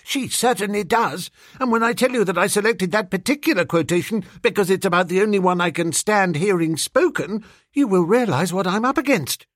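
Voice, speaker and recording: Audiobook: male reader playing a high, quivering young toff, melodramatic and easily panicked, husky-edged. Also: brisk, dry recording, clean studio sound. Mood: aggrieved. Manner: high, breathless, quivering pleading. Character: flustered young gentleman, excitable and melodramatic.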